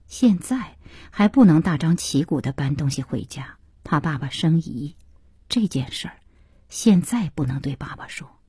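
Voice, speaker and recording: A woman narrating an audiobook in a slow, soft and intimate way. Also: low-pitched, slightly rough, no echo, clean studio sound.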